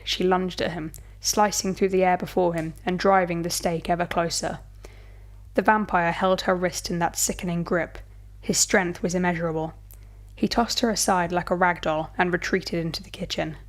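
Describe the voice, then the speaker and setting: Woman narrating a dark tale, low voice. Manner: measured, dramatic storytelling. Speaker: storyteller. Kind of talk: scripted horror story narration.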